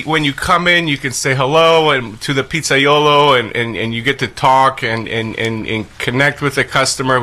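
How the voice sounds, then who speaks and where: Middle-aged male guest, bright tone, halting delivery with lots of uh's, relaxed chatty interview. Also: mid-range voice. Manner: halting, many filler sounds. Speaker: pizzeria owner guest. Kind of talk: casual interview chat.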